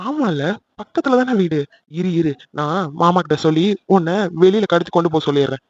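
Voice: medium pitch, lively intonation, a little fast, a little mellow, highs cut off, natural voice. Someone voicing a whiny young cartoon brother. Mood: teasing. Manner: whiny and pleading. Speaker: son in a family cartoon. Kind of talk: cartoon voice acting.

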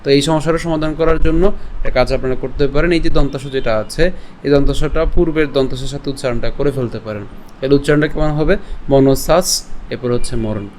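A man teaching a class on Sanskrit verse pronunciation, breaking words into syllables slowly and chanting the verse in a melody. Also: medium pitch, steady tone, darkish tone, slight background noise. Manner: slow, syllable-by-syllable demonstration of verse. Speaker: Gita recitation teacher.

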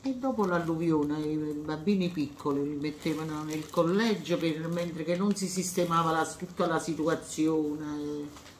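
Low-voiced old woman, southern Italian accent. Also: a little slow. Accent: southern Italian, Campanian. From Salerno, southern Italy. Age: 70s. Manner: short, fragmented phrases with frequent "eh" and "see?" tags. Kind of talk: casual reminiscing. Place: home kitchen, indoors. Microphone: phone held nearby. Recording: noisy phone recording in kitchen.

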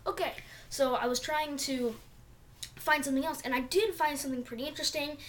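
A woman's voice: high voice, fairly even intonation, fairly quick, fairly bright tone, a little hiss or hum. A young woman chatting casually in a home vlog, rambling with lots of fillers, recorded on a camera mic. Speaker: vlogger.

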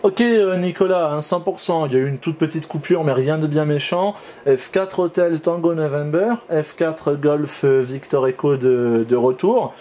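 A French amateur radio operator explains things hesitantly during an informal two-way ham radio exchange and demonstration in his home radio shack. His mellow voice is on the high side, at a moderate pace with hardly any pauses.

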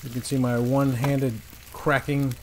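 The audio here is poor, though the griddle's sizzling stays clear behind the speaker. He's a cooking show host with a mid-range voice, little pitch movement, and normal speed, offering casual, folksy guidance at an outdoor griddle on a paved patio as food fries.

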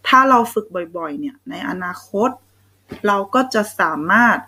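Thai lady teacher doing phonics w kids, really slow, sounds out each letter. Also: mid-range voice, rough recording. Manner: sounds out letters slowly, warm praise for children. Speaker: English phonics teacher for children.

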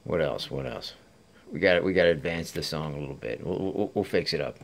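A man chatting quietly and offhandedly at home from behind a handheld camera, as he makes up a song. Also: a bass voice, a little fast, gravelly, a little hiss or hum. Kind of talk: casual chat while making up a song. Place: cluttered room at home. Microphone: handheld camera, speaker behind it.

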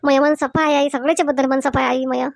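A woman acts the part of a young daughter-in-law, tearful and defensive, pleading in a comic skit while repeating her words of address. Her voice is high, fast and gravelly with little pitch movement. The recording is close and dry, without room sound or echo.

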